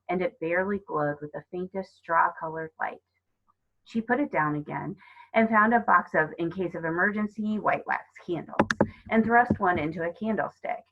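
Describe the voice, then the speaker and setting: A woman teacher reads a children's book aloud in a calm, steady manner. Her voice sits fairly low, and the recording sounds dull and lo-fi. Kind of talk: storybook read-aloud.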